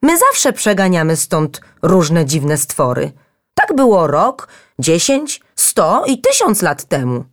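Squeaky mischievous talking stones, high and jeering, storybook critters, a woman doing the voices. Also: expressive, measured pace, no room sound, clean studio sound. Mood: flustered. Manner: teasing, jeering. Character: mocking little living stones, a cheeky group.

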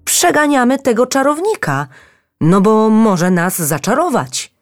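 Squeaky cheeky stone gang, voiced by a woman. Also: big pitch swings, a little slow, dry recording, clean studio sound, faint music behind. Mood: flustered. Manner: teasing, jeering. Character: mocking little living stones, a cheeky group.

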